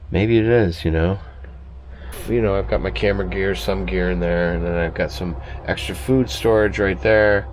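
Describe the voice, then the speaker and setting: Male vlogger, low register, casual rambling delivery, recorded inside a small RV trailer with slight background noise. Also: darkish tone. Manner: rambling, thinking aloud. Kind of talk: casual vlog chat, narrating chores.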